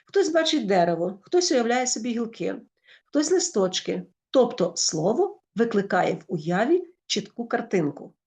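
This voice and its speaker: A woman with a Ukrainian accent, explaining a school lesson in a lively way and correcting herself often. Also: a little high, moderate pace. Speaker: teacher.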